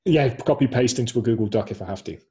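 A man's voice: medium pitch, lively intonation, fast talker, mellow, slightly rough. Upbeat man hosting a webinar. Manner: upbeat, repeats short slogans, many "um" fillers. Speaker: webinar co-host presenting slides. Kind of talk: casual webinar presentation.

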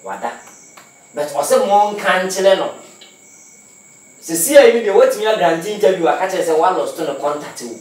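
A slightly high-pitched Ghanaian man works through his argument on a radio show, piling up example after example. He is heard from a distance in a very echoey room. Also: animated, a little fast, pauses often, a little mellow. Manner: explains at length, lists examples. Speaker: radio sports talk co-host. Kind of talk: casual radio discussion.

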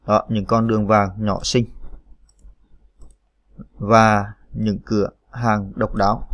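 A man with a lowish voice hosts a screen-recorded computer typing tutorial, spelling out keys one letter at a time with frequent "à" fillers. The sound is studio quality with no echo.

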